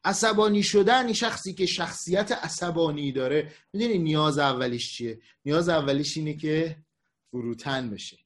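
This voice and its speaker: A male pastor giving a conversational online sermon, acting out the voices of people he quotes. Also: on the high side. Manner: lively, acts out quoted voices.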